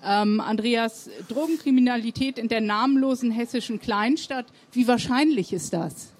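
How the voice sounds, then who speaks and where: A woman's voice: fairly high pitch, moderate pace, darkish tone. A woman hosting a book interview, asking questions in a conversational way with some fillers. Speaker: interviewer, host.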